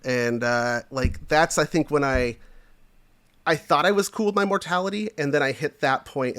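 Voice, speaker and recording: A man's voice: mid-range voice, a bit bright. Man, late 30s, podcast guest; casual, meandering storyteller, lots of fillers. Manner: rambling, filler-heavy storytelling.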